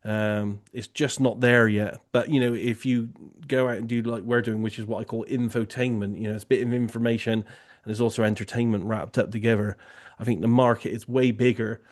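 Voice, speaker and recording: Hosting a casual online Q&A discussion, this remote viewing tasker talks a little fast in a mid-range voice with little pitch movement. He speaks loosely, leaning on "you know" as a filler again and again.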